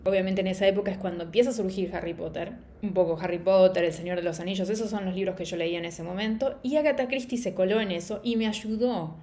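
A young woman chatting casually in a book review vlog, opinionated and quick to laugh. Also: mid-range voice, mellow, a little hiss or hum.

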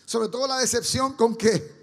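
A Caribbean pastor with a high-pitched voice preaches with fervor, throwing questions at his congregation. His voice rings with a long echo through a church hall. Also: fairly even intonation, normal speed. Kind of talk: sermon.

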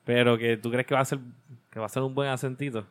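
Chill guy cohost, smooth clean voice, just teasing his buddy. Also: mid-range voice, fairly even intonation, quick pace, fairly bright tone. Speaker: podcast co-host. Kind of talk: casual comedic chat.

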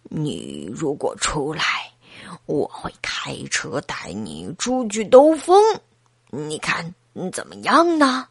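A woman doing a slow, deep old grandpa. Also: sing-song, husky, no room sound, clean studio sound, heavily acted. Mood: coaxing. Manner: slow, lowered voice.

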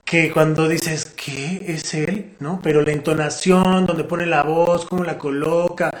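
A man with a Mexican Spanish accent, chatting casually as a radio host in slangy, relaxed talk. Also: on the high side, unhurried, reverberant. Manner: slangy, relaxed, acts out examples.

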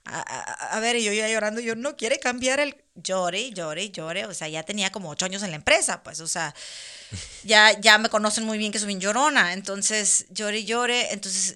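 Lady chatting and telling a story, lively, bright clear voice, laughs here and there. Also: medium pitch, fairly quick. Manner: animated, laughs often while telling a story. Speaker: guest. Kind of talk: casual chat, storytelling.

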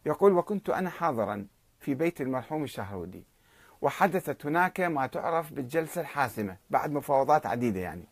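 A man's voice: fairly high pitch, sing-song, fast, husky, dry recording. A man narrating a historical account, reading quoted exchanges with rising emphasis.

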